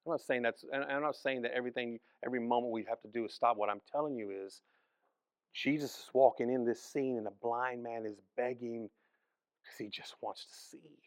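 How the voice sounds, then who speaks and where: A man preaching as pastor, telling the story in an animated way, acting out the people in it and restarting phrases often. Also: mid-range voice, fairly quick, clear, resonant tone, no echo. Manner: animated storytelling, acts out voices, frequent restarts. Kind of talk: sermon.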